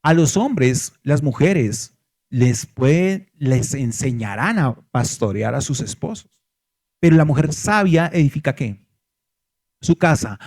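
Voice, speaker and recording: Pastor preaching a sermon, voice a bit high, asks the congregation questions. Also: male voice, a little mellow.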